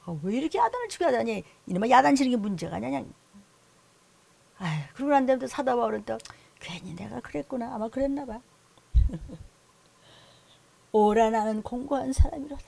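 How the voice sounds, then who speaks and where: A woman's voice: on the high side, lively intonation, a little fast, vocal fry, pauses often, warm tone. A middle-aged woman pastor preaching a sermon, emphatic, often acting out scolding voices and inner thoughts.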